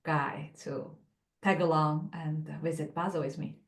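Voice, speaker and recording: A woman whose first language is Chinese, chatting on a video call and pausing often to find her words. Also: sits low, fairly even intonation, roomy sound. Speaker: art group participant. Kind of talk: casual video call chat.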